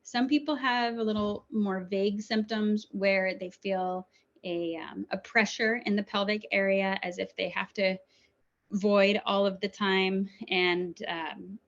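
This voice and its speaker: Woman doctor giving a webinar talk. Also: mid-range voice. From New Zealand. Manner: warm, conversational, frequent ums. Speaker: urologist. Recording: dull lo-fi webinar audio.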